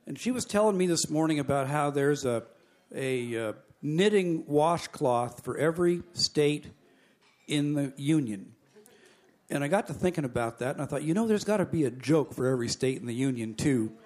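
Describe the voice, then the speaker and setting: A man's voice: a little high, animated, normal speed, a little mellow. A middle-aged man speaking at a convention banquet, telling jokes in a folksy way and chuckling between them. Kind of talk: after-dinner jokes and speech. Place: banquet hall.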